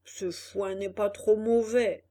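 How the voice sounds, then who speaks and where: A woman's voice: mid-range voice, fairly even intonation, slow pace, dark tone. A woman voicing a young puppet turned into a donkey, whining and complaining. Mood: resigned.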